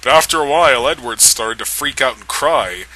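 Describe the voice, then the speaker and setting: Animated and bright, this man's forceful mid-range voice moves at a normal speed as he performs a dramatic reading of amateur fan fiction for comedic effect. He sounds amused and keeps struggling not to laugh, and the audio quality is poor.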